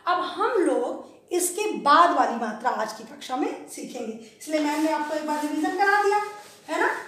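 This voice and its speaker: A woman's voice: high-pitched, animated, moderate pace, sharp tone. A woman teaching young children a lesson in a classroom, patiently asking questions and then answering them herself. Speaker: primary school teacher. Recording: very echoey room, voice from a distance.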